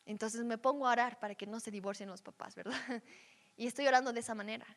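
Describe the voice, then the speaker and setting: A woman with a fairly high voice leads a teaching session in a conversational way, often checking in with her listeners. Her voice carries a long reverb, as if heard in a large hall. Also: fairly even intonation, fast talker. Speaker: Bible teacher.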